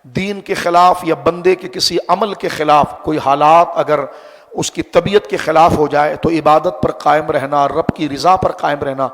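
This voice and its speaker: A man's voice: fairly high pitch, fairly even intonation, big-room sound. A man, an Islamic scholar, giving a sermon that explains scripture and asks his listeners rhetorical questions.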